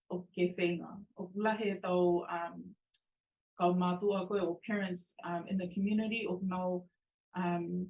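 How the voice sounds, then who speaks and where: A woman teacher from New Zealand speaking in a measured, thoughtful panel discussion. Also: lowish voice, darkish tone. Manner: measured, thoughtful, frequent ums. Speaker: teacher and guest. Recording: distant from the mic.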